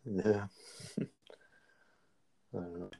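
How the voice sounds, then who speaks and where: A man's voice: on the low side, extremely slow, gravelly, dark tone. A man talking casually and rambling, with many fillers and restarts. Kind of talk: casual conversation.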